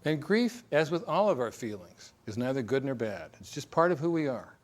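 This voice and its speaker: A man's voice: medium pitch, very animated, moderate pace. A middle-aged man presenting a divorce recovery seminar in a conversational way, with joking asides and acted-out examples. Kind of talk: recorded seminar talk.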